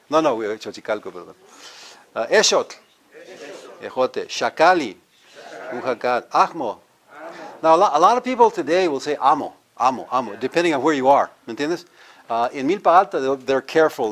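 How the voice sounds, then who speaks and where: An older man from California, a university professor giving a lecture, drilling word pronunciations and quizzing his audience. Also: medium pitch. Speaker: university professor teaching Nahuatl. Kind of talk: classroom lecture with audience questions. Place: cultural center lecture room.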